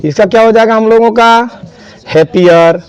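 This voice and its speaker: A man's voice: high voice, normal speed, clear, resonant tone, no room sound. A man teaching an English grammar class, spelling words out and quizzing students. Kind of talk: classroom lesson.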